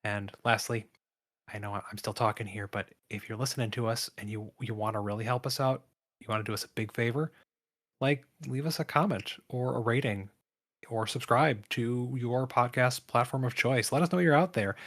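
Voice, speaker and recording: A man's voice: mid-range voice, moderate pace, a bit bright. A man co-hosting a board game podcast in casual chat, telling stories and laughing often. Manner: laughing, chatty storytelling. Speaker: podcast co-host.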